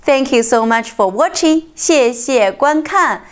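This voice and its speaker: Slow, lively-voiced woman teaching tones. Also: high-pitched. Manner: slow, clear modelling of tones, friendly. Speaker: Mandarin teacher. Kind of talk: YouTube language lesson.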